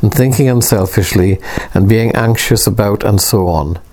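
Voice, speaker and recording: A man voicing a calm male poet who talks earnestly and reassuringly in a storybook reading. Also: on the low side, moderate pace, a little hiss or hum, natural voice. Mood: persuasive. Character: calm, persuasive male poet, gently insistent.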